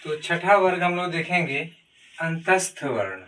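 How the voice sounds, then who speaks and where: A man's voice: a little high, expressive, a little slow, a bit bright. A man teaching a grammar lesson, explaining step by step and calling out letters one at a time. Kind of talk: classroom-style Hindi grammar lesson. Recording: distant mic with faint noise.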